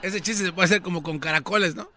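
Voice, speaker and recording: A man's voice: high voice, fast talker, noisy background. A man co-hosting a radio comedy show, teasing and chuckling along with the jokes. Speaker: radio co-host.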